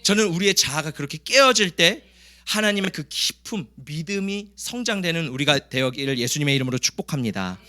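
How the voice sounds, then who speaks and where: A male pastor preaches with a high, very bright voice that swings widely in pitch. He keeps firing questions at the congregation and hammers his points home. Now and then he acts out the grumbling crowd in a raised voice. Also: animated, fairly quick. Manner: emphatic, asks the congregation questions. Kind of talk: sermon.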